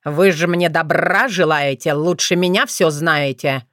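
A sulky young male crow, voiced by a woman reader, a little lower and slower than her narrating voice, grumbling and dry. The recording is close with no room sound. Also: fairly bright tone, no echo. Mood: sullen.

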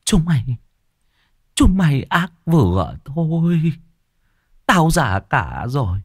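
A man's voice: medium pitch, big pitch swings, slow pace, darkish tone, slightly rough, no echo, studio quality, voice pushed up, exaggerated voice. A man voicing a timid old woman cook, over sixty, who stammers and pleads through tears. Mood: anguished.

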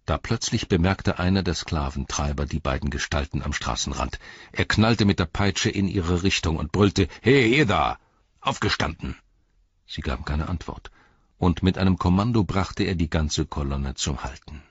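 A man narrating an audiobook in a measured, dramatic storytelling manner. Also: deep voice, breathy edge, dry recording, dull audio. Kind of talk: scripted narration.

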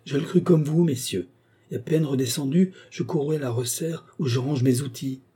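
A man's voice: mid-range voice, moderate pace, dark tone, breathy edge, voice pushed up, lightly acted. A man doing a frightened old gardener. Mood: shaken. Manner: agitated, pleading, rising with fear. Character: frightened older male gardener, breathless witness.

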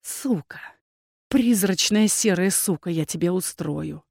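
A woman voicing a jealous, abandoned noblewoman who shouts and pleads through tears. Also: measured pace, vocal fry, no echo, clean studio sound. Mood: vengeful. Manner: shrill pleading and shouting, tearful.

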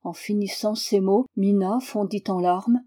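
Brief: calm female audiobook narrator, warm mellow timbre, steady reading. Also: mid-range voice, unhurried. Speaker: audiobook reader. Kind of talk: scripted narration.

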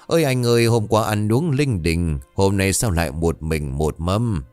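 A man voicing a young village man who wails a hired funeral lament in a drawn-out, sing-song way, in a storybook tale. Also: low voice, expressive, soft background music. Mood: wailing lament.

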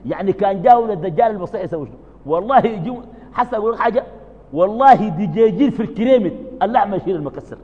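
A man preaching in Sudanese Arabic, asking his listeners questions and answering them himself, calm one moment and suddenly loud and emphatic the next. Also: high-pitched, very fast, in a large hall, highs cut off. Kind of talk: religious lesson.

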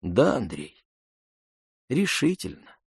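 A man voicing a weary, sluggish nobleman who speaks quietly, pleading and sighing. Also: medium pitch, huge pitch swings, takes it slowly, vocal fry, husky, no room sound, clean studio sound, exaggerated voice. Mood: hushed. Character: weary, sluggish male nobleman, hushed and sad.

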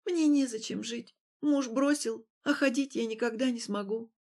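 A woman's voice: on the high side, normal speed, vocal fry, darkish tone. A woman voicing a despairing young heroine in an audiobook, pleading in a lighter voice. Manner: pleading, tearful.

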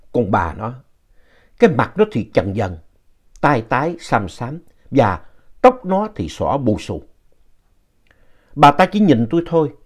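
A man telling ghost stories in an expressive, playful narration, reading out a listener's letter. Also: medium pitch, breathy edge. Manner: animated, playful reading with lively shifts in tone.

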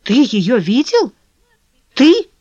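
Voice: mid-range voice, very animated, normal speed, fairly bright tone, no echo. A narrator voicing an anxious young male workman in an audiobook, speaking in urgent, pleading exclamations. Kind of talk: audiobook character voice. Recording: dull dry lo-fi recording.

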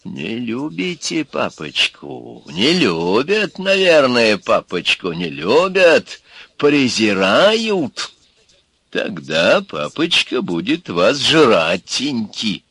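A man voicing a gluttonous, mocking three-headed male dragon in a storybook, slow and leering. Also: mid-range voice, wildly swooping pitch, sharp tone, slightly rough, no room sound, voice pushed up, full character voice.

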